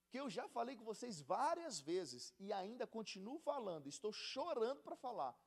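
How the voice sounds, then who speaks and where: Lively high-voiced Brazilian preacher. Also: male voice. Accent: Brazilian Portuguese. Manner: slangy and conversational, animated, calls listeners buddy. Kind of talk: casual Bible study sermon.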